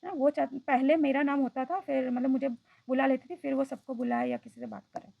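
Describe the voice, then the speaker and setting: A woman's voice: sits high, lively intonation, fairly quick, vocal fry, no room sound, narrow, tinny audio. A woman vlogger telling a personal story in a reflective, hesitant way, often slipping into English phrases.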